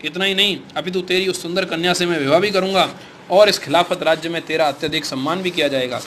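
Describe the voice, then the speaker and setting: A man's voice: on the high side, fairly even intonation, quick pace, a little hiss or hum, lightly acted. A man voicing a stern, bullying male cleric who gives threatening commands in a storybook reading. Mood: menacing. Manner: shouting commands, menacing.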